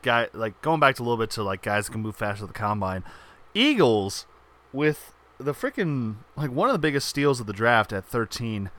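A man co-hosting a casual sports chat, excitable and joking, with lots of filler words. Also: medium pitch, moderate pace. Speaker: podcast co-host.

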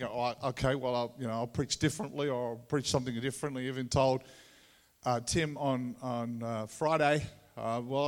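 Tassie accent aussie guy preaching casually, stop-start delivery, big echoey hall reverb. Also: medium pitch. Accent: Tasmanian Australian. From Tasmania, Australia. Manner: halting, conversational, repeats words. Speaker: visiting preacher. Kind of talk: informal sermon to a congregation. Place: large room or hall, speaking to a congregation.

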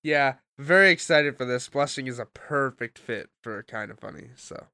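Man, smooth resonant voice, dry close sound, casual podcast talk. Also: medium pitch, moderate pace, sharp tone, dry recording. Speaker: podcast co-host.

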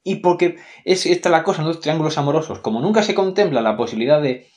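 A man with a Spain Spanish accent gives casual, opinionated film commentary, sarcastic and expressive, swearing freely and swinging his pitch up and down. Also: fast talker. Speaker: film reviewer.

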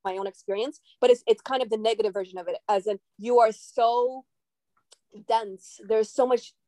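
Russian-born woman guesting on a podcast, bit higher voice, thinks out loud, dry close mic. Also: steady tone, moderate pace, dry recording. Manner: reflective, searching for words. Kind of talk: casual podcast chat.

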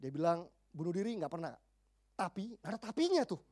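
A man in his forties, a pastor preaching a sermon, telling counseling stories in lively slang and acting out the people he quotes. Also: sits high, brisk. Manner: animated storytelling, slangy, acts out the people he quotes.

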